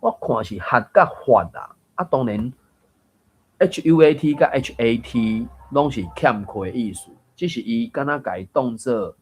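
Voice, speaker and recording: A man's voice: medium pitch, expressive, moderate pace, a little hiss or hum. A man giving a casual lesson on reading aloud, thinking aloud with many fillers and restarts. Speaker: Taiwanese reading coach.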